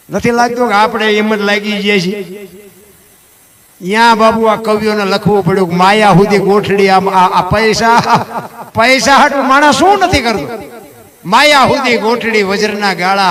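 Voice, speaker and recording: A man with a Kathiawadi Gujarati accent telling folk tales and moral talk on stage to a live audience, animated and emphatic, often addressing listeners as "bapu". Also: high-pitched. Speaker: folk storyteller. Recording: clear crowd noise from the audience.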